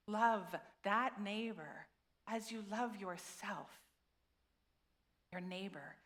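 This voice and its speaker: A woman rabbi preaching a sermon into a pulpit microphone in a synagogue, with an earnest, measured delivery and deliberate repetition. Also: medium pitch, a bit bright. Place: synagogue sanctuary.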